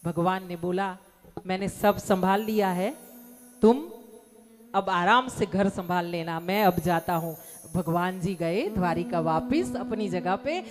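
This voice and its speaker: A woman's voice: a little slow, soft background music. A woman telling a devotional katha, acting out the story's characters as she goes. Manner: voices the story's characters with pitch and volume swings.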